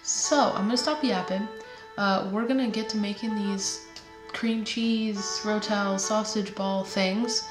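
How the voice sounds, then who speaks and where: Over music, a home cooking vlogger talks in a steady, mid-range voice at a slightly slow pace. Still getting over a head cold, she sounds nasal as she rambles in a chatty, relaxed way, dropping plenty of fillers. Her home kitchen gives an echoey sound with a little noise behind her.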